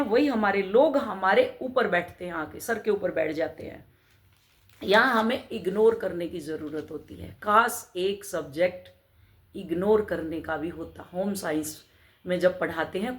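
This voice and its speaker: A middle-aged woman talking as a spiritual mentor, urging her listeners on with rhetorical questions and repeated calls to keep going. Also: mid-range voice. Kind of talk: motivational spiritual talk.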